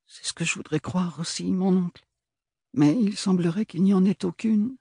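A man reading aloud, voicing a reserved young woman who speaks quietly and flatly in a storybook. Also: sits high, normal speed, vocal fry, slightly rough, dry recording, clean studio sound, pitched above the performer's own voice, heavily acted. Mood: calm. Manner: quiet, flat, composed. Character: calm, reserved young woman, soft-spoken.

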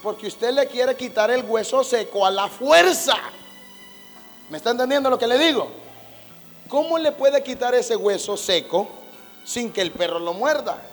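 Pastor guy preaching, high voice, lots of homey stories, long church echo w faint music. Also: normal speed, a bit bright. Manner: folksy, storytelling preaching with playful quoted voices. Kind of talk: sermon. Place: church hall.

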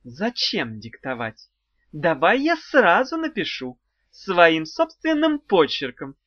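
Man doing a cold, sharp-tongued witch. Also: sits high, huge pitch swings, normal speed, no room sound, muffled recording, exaggerated voice. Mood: menacing. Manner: curt and cutting, hissing whisper when threatening.

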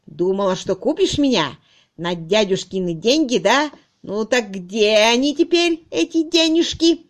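A coarse, cruel young farmhand barks and sneers at full volume, read out by a woman in an audiobook. The voice is harsh and mocking, sitting on the higher side for a man. It is a plain studio reading with nothing behind it. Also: expressive, measured pace. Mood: sneering, cruel.

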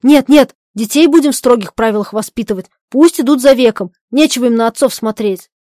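A woman voicing a young idealistic husband, torn and despairing, pleading loudly and breaking into shouts in a dramatic stage-play reading. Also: fairly high pitch, fairly quick, no room sound, studio quality, close to an everyday voice. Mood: anguished. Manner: loud, pleading, outbursts of shouting.

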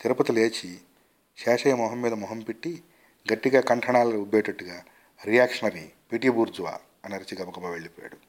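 Low-voiced man reading a story. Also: fairly quick, a little mellow. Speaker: story reader. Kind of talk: reading a short story aloud.

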